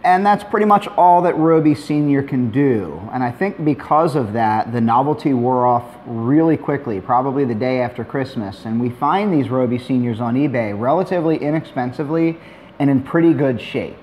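A middle-aged man talks through a hobby build in an easygoing, plainspoken tone. His voice sits at an ordinary middle pitch, and he drops in dry asides. A faint hiss of noise runs under the recording. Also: moderate pace, muffled recording. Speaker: maker demonstrating a robot build. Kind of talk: tutorial narration.

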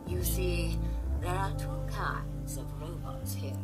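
A flirty robot supervisor purrs her words in a sultry, darling-calling way. Loud music plays behind her in the game mix. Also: fairly low pitch, slow. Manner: sultry, calls everyone darling.

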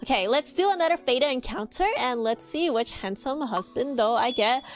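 A young woman commentating on a game as a gushing, cutesy, excited anime fan. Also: sits high, moderate pace, loud music behind the voice. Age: young adult. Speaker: gaming streamer. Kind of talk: gameplay commentary. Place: small indoor room with plush toys.

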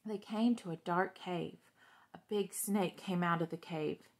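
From a couch in a small living room, a young adult woman reads a children's story aloud at a measured pace, her voice on the low side. She breaks in with simple asides explaining things to the young listeners.

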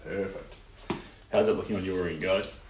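A young man from Tauranga on New Zealand's North Island paints on a livestream, chatting easygoing and encouraging while reading viewer comments. His deep, darkish voice is steady and moderately paced. The camera or phone sits a few steps away in his small indoor art studio, giving a roomy sound with faint noise.

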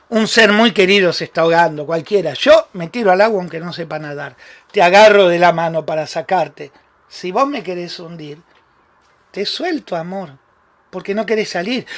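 This is a man with a high-pitched voice and a Rioplatense Spanish accent, hosting a live therapy talk. He is blunt and direct, pressing viewers by name and calling them "amor" again and again. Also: a bit bright. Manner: blunt, direct, calls listeners "amor" constantly. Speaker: host and therapist. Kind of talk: live-stream talk answering viewer comments.

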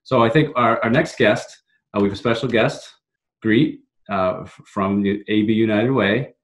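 A man's voice: lowish voice, normal speed. Friendly man hosting a video call. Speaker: town manager hosting a talk show. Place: home room with framed pictures. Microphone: laptop webcam video call.

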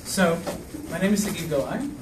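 A man's voice: on the high side, sing-song, brisk, noisy background. A man from Israel speaking casually at a panel in a lecture room, joking and using many fillers. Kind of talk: public talk at a panel. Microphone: far camera. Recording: echoey room from far off.

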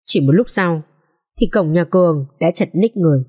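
Expressive female audiobook narrator. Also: on the low side, normal speed, husky. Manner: steady, expressive storytelling. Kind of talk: dramatic story narration.

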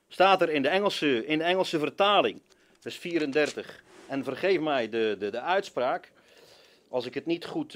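Pastor from preaching, slow and lively, hits every word hard. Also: male voice, fairly high pitch. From Zeeland, Netherlands. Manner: switches between Dutch, English and French, emphatic preaching. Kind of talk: sermon.

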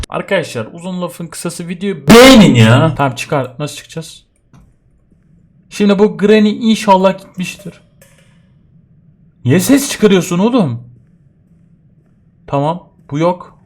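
A young man, joking and yelping through a horror game as he plays it. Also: high voice. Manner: jumpy, yelps and jokes while scared. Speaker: gaming YouTuber. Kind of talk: horror game let's play commentary.

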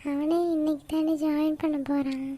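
A woman's voice: sits high, flat delivery, moderate pace, warm tone, close to an everyday voice, poor audio. A woman voicing a middle-aged cartoon mother who talks to her daughter fondly and teasingly. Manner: affectionate, teasing. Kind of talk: cartoon voice acting.

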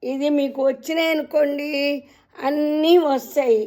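A woman teaching the alphabet, chanting each letter name slowly and drawing out the sounds, and gently addressing her listeners. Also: high-pitched, steady tone. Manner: drawn-out chanting of letter names. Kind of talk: slow teaching recitation.

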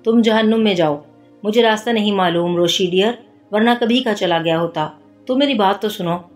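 A woman voicing a playful, mischievous young male detective who speaks in a teasing, mock-innocent way, over soft music. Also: mid-range voice, moderate pace, natural voice.

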